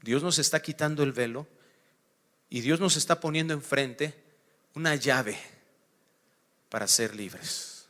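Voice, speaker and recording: A man preaching a sermon as pastor, acting out little scenes and swinging from hushed to loud. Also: medium pitch, a little slow, long pauses. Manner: animated preaching, acts out dialogue, swings from hushed to shouting.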